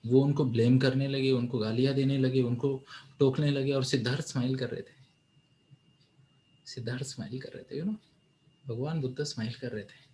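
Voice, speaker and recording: A man giving a motivational storytelling talk to an audience, animated and engaging, often turning to the audience with questions. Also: medium pitch. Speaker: motivational speaker and counselor.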